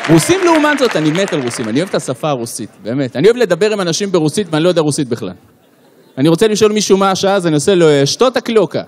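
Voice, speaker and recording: A man doing a stand-up comedy routine on a live stage, animated and full of impressions. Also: high-pitched, over a noisy crowd, heavy background noise. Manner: animated, lots of voices and impressions. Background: audience laughter.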